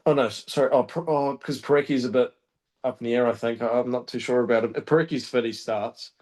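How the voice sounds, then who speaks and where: A man from Australia talks as a guest reporter on a podcast. His speech is casual and searching, with an average-pitched voice. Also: fairly even intonation, fast, a little mellow. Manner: thinks aloud, hesitant with fillers and restarts. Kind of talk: casual chat.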